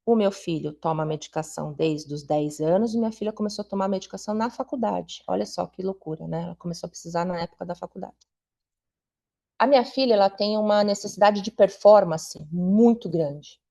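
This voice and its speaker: A woman's voice: mid-range voice, fairly quick, gravelly, warm tone. A middle-aged woman, an invited educator, talking to parents in a conversational way with frequent tag questions. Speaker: invited school supervisor and educator. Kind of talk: talk to parents at a meeting.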